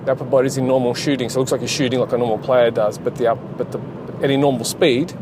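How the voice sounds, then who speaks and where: Man, casual driving vlog, rambling with fillers, middle pitch, loud road noise from inside a car. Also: level tone, fast talker. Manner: rambling, full of fillers and restarts. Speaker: game developer and channel host.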